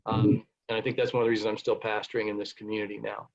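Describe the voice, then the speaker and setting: A male pastor speaks earnestly in a panel discussion, urging listeners to look after themselves. His delivery is flat and even, and the video call audio sounds dull and muffled. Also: on the low side, rapid-fire. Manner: earnest, advising, with fillers.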